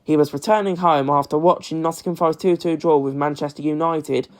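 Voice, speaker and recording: A young British man reading an amateur news bulletin from a script in a measured, formal way. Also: a little high, steady tone. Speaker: news presenter.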